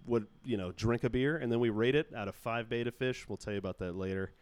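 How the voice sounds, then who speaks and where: A man's voice: medium pitch, fast talker, darkish tone, smooth. A man hosting a casual podcast chat, joking, rambling and laughing often. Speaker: podcast host.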